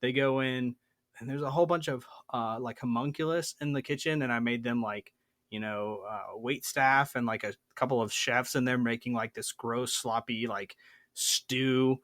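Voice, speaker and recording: A man's voice: medium pitch, fairly even intonation, normal speed, fairly bright tone, no echo. A man hosting a tabletop gaming podcast, telling a story in a playful, boastful way. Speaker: podcast host. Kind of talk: casual chat.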